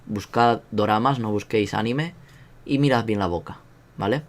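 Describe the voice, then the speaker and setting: A man's voice: fairly low pitch, normal speed. Joking Spanish man teaching sounds. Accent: Spain Spanish. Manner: joking, self-mocking, drills sounds aloud. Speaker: language teacher. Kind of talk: casual online lesson.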